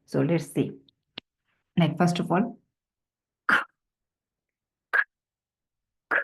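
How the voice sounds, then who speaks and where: A woman teaching a phonics lesson, speaking Bengali and slipping into English words. She models each sound slowly and repeats it. Her delivery is patient, and she often pauses to check that the students follow. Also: medium pitch, creaky, darkish tone.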